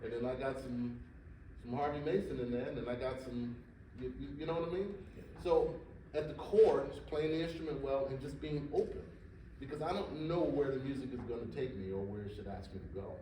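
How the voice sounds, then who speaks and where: Guy teaching a drum masterclass, animated, repeats himself for emphasis, echoey hall, mic kinda far. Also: medium pitch, a little fast, slight background noise. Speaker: drum clinician. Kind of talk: masterclass talk with storytelling. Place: conference hall.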